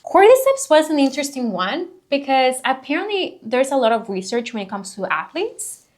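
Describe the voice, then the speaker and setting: A woman's voice: high-pitched, sing-song, moderate pace. A woman co-hosting a casual podcast, explaining ingredients at length with frequent fillers and restarts. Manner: explanatory, hedging with many fillers. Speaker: co-host. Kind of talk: casual product review chat.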